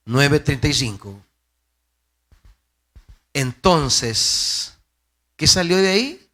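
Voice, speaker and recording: A Salvadoran pastor preaching a sermon, swinging dramatically from hushed words to loud ones and repeating phrases for emphasis. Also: male voice, a little high. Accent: Salvadoran Spanish.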